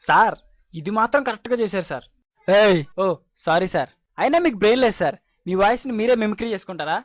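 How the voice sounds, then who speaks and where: A man's voice: sits high, expressive, quick pace, no room sound. Brief: man, playful mock-pompous banter in a comic sketch, dry close recording. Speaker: comic performer playing both anchor and film star. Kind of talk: comic spoof interview.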